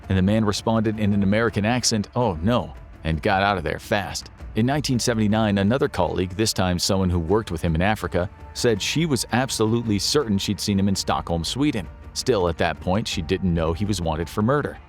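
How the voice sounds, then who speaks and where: Man, fairly deep voice, scripted documentary narration, steady measured storytelling, soft music bed behind. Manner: steady, measured storytelling delivery with dramatic questions.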